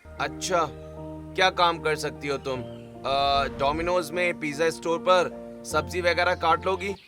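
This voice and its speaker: A man plays a kind store owner in an animated story. He speaks reassuringly in a bright voice that sits a little high. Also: a little slow, soft background music. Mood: kindly.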